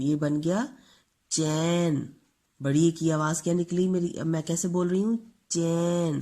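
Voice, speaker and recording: Slow-dictating woman teacher. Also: low voice, dark tone. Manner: slow, drawn-out word-by-word dictation with sounded-out words; addresses pupils as beta, repeats words. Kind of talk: reading lesson for young children.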